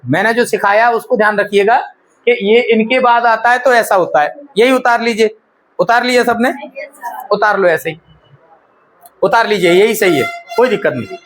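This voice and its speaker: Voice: medium pitch, a bit bright. A teacher explaining a lesson step by step and checking often that the class follows.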